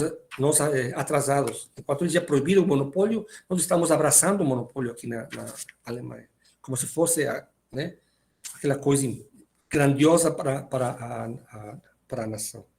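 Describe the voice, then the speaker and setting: A man's voice: medium pitch, fairly quick, creaky, darkish tone. A man giving a philosophy lecture, reading passages aloud and explaining them, often repeating words as he hesitates. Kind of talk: university lecture.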